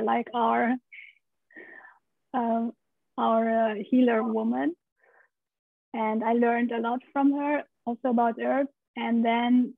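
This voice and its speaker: A Romanian woman in her thirties, a pelvic steam practitioner, tells her story openly as a guest in a video-call interview from her living room. Her slightly high voice has vocal fry, and she laughs often and gestures as she talks. The laptop-mic audio is dry and tinny.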